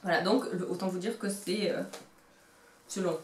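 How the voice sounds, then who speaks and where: A woman's voice: lowish voice, moderate pace, a little hiss or hum. A woman in her thirties with a Marseille accent chatting casually about her knitting, rambling and hesitant, with self-mocking humor. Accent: Marseille French. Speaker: knitting vlogger. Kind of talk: casual show-and-tell chat. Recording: roomy echo.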